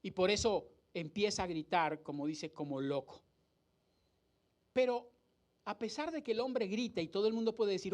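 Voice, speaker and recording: A man preaching a sermon as pastor, acting out scenes and asking rhetorical questions. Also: sits high. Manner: dramatic, acts out the crowd and the blind man's cries, rhetorical questions. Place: church hall.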